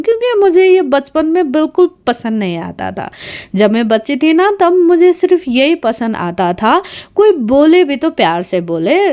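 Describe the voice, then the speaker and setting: A woman's voice: mid-range voice, darkish tone, clean tone. A woman in her thirties, a mother and vlogger, talking in a chatty, reflective way in a casual vlog, laughing now and then.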